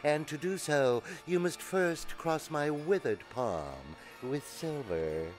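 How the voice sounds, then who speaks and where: A man's voice: a little high, lively intonation, takes it slowly, faint music behind, voice pushed up. A man playing a seedy, scheming freak show barker in a radio comedy sketch, all theatrical patter. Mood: grandiose. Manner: theatrical showman patter, slipping into petulant bickering.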